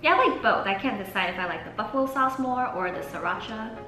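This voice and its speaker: A bright, forward-voiced woman chats casually as she eats crunchy fried chicken on a mukbang show. The room echoes a little and faint music plays behind her. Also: on the high side, expressive, quick pace. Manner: eating crunchy fried chicken while talking. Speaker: mukbang channel host. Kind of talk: casual chat while eating fried chicken. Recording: roomy echo, faint background music.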